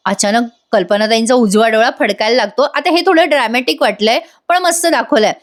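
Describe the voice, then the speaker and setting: A woman giving a chatty voice-over review of a TV episode, talking excitedly to viewers. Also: a little high, brisk. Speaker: TV serial reviewer.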